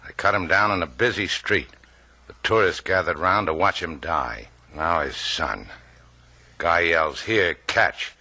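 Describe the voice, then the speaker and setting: An actor playing a tough, blunt boat captain, clipped and dry in a 1950s radio drama. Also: male voice, deep voice, a little slow, sharp tone, breathy edge, full character voice. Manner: hard-bitten, clipped and dry.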